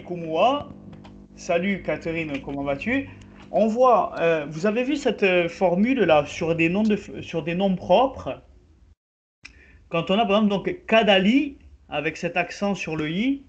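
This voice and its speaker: Slow, halting man teaching a class. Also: sits high. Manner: slow, halting explanations with many fillers. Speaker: Corsican language teacher. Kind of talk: online group language class. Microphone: video call. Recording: slightly muffled video call audio.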